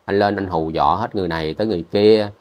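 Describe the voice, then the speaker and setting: A man delivers a heated rebuttal vlog in a fairly low voice. He is defensive and confrontational and keeps hammering the same points over and over. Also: rapid-fire, darkish tone. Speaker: vlogger.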